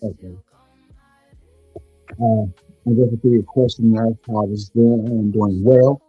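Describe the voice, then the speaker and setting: A man's voice: fairly low pitch, fairly even intonation, unhurried, husky, no room sound, soft background music. A man joining a live show as a guest, talking politely and evenly, his voice muffled as if heard through a wall. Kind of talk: casual chat. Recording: muffled lo-fi remote mic line.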